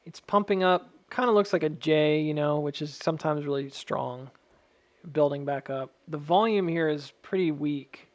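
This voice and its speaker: A man with a slightly high voice gives casual technical chart commentary as a stock chart analyst addressing viewers, sounding like he's thinking aloud. He's measured and careful, qualifying points as he goes, and his s sounds carry a faint whistle.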